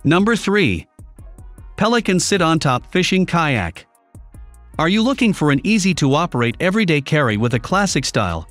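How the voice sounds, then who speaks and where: A man giving scripted voice-over narration for a product review, in an even, read-aloud listing delivery. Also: on the high side, moderate pace, no room sound. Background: faint background music.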